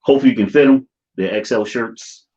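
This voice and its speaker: A man's voice: mid-range voice, a little fast, mellow. An American man chatting casually and informally in slang as the host of a livestream. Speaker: livestream host of a YouTube channel. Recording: dull, lo-fi stream audio.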